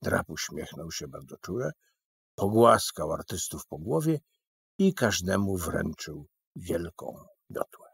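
A man reading an audiobook aloud in an expressive, varied way. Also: sits low, slow pace, creaky, husky. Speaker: audiobook reader. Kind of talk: audiobook narration.

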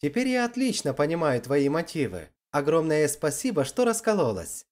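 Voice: medium pitch, sing-song, normal speed, darkish tone, natural voice. A storyteller voicing a tired but resolute young man who answers firmly and with bitter mockery in an audiobook story. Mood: mocking. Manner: firm, then bitterly mocking. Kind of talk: audiobook character reading.

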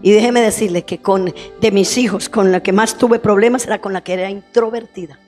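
A woman's voice: mid-range voice, brisk. Woman preacher in a reverberant hall. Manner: animated storytelling, acting out quoted voices, rising to shouts. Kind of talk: sermon. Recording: long hall reverb, faint music.

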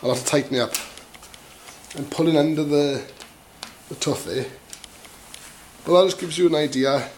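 Working at a bench vice, this male tutorial presenter talks informally in clipped asides during a hands-on workshop demonstration. He sounds slightly mellow and a bit high, speaks at a moderate pace, and pauses often. Filing rasps and clicking come through clearly behind him.

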